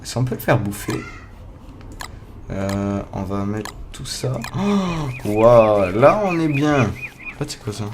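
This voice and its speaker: Excitable swearing young gamer guy. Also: on the low side, slow pace, noisy background. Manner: excitable, swears a lot, talks to the viewers; loud startled outbursts and laughs. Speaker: gamer playing a survival game. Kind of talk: casual let's play commentary. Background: faint game music.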